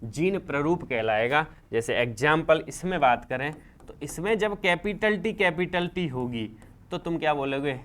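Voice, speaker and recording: A man with a Rajasthani Hindi accent teaching a class, lively and repetitive, asking students questions and answering them himself. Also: a little high, moderate pace. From India. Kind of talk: classroom lecture.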